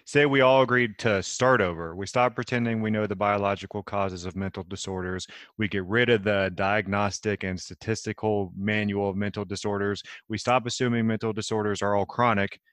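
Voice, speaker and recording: Low-voiced male host, dry sound. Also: steady tone, brisk, hardly any pauses, fairly bright tone, dry recording. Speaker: interview host. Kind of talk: reading prepared questions.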